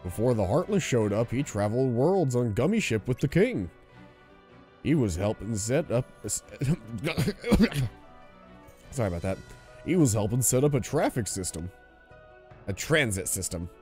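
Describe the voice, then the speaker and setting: A man's voice: medium pitch, sing-song, moderate pace, a little mellow, soft background music. A man casually commenting while he plays a video game on a live stream. He explains things as he goes and reads the game's text aloud.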